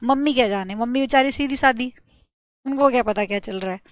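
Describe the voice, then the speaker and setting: Woman teacher running a live online class; high voice, dry close sound, brisk and pushing students to write fast. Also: dry recording. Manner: brisk, urges students to copy notes quickly; reads student chat questions aloud and answers them. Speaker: English grammar teacher.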